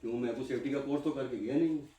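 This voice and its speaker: A man of medium pitch and warm tone speaks to trainees as a guest, passionately asking rhetorical questions and answering them, repeating himself a great deal. Slight background noise is present, the room echoes, and the mic is distant.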